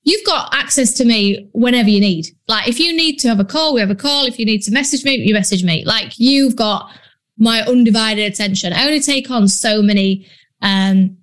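A woman from Yorkshire, northern England, runs a casual solo podcast as a business coach, and her fairly high, fairly bright voice moves at a moderate pace. She speaks bluntly and chattily in Yorkshire English, full of ums and British slang.

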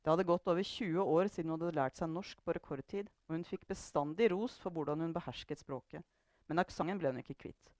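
A woman reading a novel aloud in measured narration. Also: sits low, a little mellow, dry recording, studio quality. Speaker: reader. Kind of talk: book reading.

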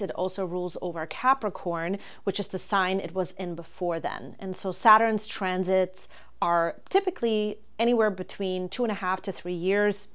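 Calmly explaining astrology on her solo podcast, this German woman in her forties says um a lot. She speaks at a medium pitch with a clear, resonant tone.

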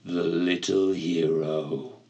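Brief: male narrator as an ancient, cold, amused monster from the abyss, low and unhurried. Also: steady tone, creaky, mellow, slightly rough, highs cut off, full character voice. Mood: menacing. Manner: low, slow, menacing murmur.

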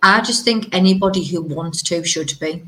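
A woman's voice: fairly low pitch, moderate pace, a bit bright, soft background music, low-quality recording. A woman with a Teesside accent chatting casually as an interview guest, blunt and emphatic, often repeating phrases to drive a point home. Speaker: interview guest, business owner.

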